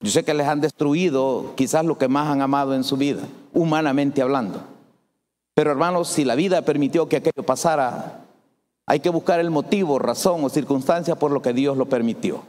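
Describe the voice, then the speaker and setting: A male pastor preaching a sermon, his voice sitting a little high for a man. He speaks straight to his listeners and builds emphasis as he goes. The sound rings with a long reverb, as in a church hall. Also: moderate pace, darkish tone. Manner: preaching with rising emphasis, addressing the congregation directly.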